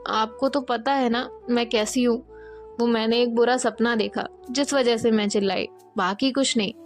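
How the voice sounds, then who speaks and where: An impulsive young woman student who trips over her words when flustered, as a woman narrator voices her. Her voice sits fairly high, with faint music behind. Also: fairly even intonation, normal speed, lightly acted. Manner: flustered, stammering.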